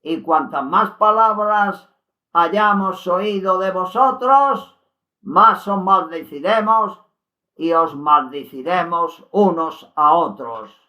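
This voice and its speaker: A man's voice: high-pitched, takes it slowly, muffled recording, pitched above the performer's own voice. A man reading the lines of a condemned soul in hell who bitterly curses the living. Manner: declaiming, cursing.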